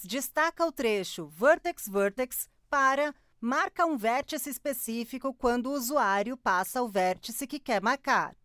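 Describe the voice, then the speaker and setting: Measured Brazilian woman dictating, dry sound. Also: high-pitched, no room sound. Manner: dictating code and punctuation piece by piece. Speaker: audio description narrator. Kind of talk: scripted audio description, dictating.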